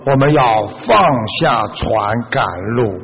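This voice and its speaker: A man voicing a patient, wise old master who teaches slowly and softly. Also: mid-range voice, vocal fry, pitched below the performer's own voice. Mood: gentle. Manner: slow, soft, gently instructive. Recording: dull reverberant lo-fi recording.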